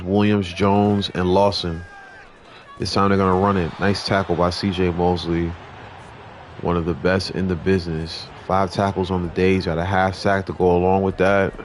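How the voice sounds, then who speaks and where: A young man giving relaxed, conversational play-by-play commentary over a football video game. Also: low voice, normal speed, a little hiss or hum. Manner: relaxed, conversational, mild restarts. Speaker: gaming commentator.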